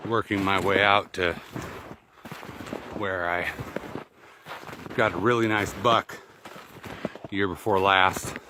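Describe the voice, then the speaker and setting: Winded from slogging through snow on snowshoes, this man narrates his casual outdoor vlog in short bursts. His voice sits low and stays steady, coming slowly with long pauses, and background noise fills the snowy woods and fields around him.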